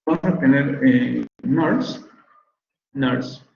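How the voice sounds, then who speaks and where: A male professor teaches phonetics over a video call, explaining patiently and repeating sample words aloud. His voice sits at a middling pitch. The audio is roomy and a bit dull, with faint background hiss. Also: extremely slow, creaky, a little mellow. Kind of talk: online lecture.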